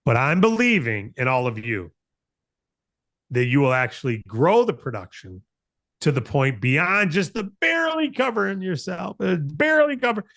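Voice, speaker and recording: Recorded at studio quality with no room sound, an American man in his late fifties talks at normal speed in a slightly high, a bit bright, creaky voice with big pitch swings. The company founder is hosting a broker announcement meeting, giving an informal, earnest, conversational motivational talk with repeated phrases for emphasis.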